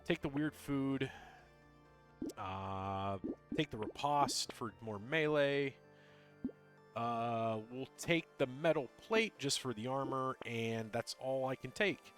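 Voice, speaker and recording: A man streaming a video game, chatting casually with viewers; he talks fast, mumbles and rambles with lots of ums and uhs. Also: mid-range voice, a bit bright, faint music behind. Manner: tends to mumble and talk fast.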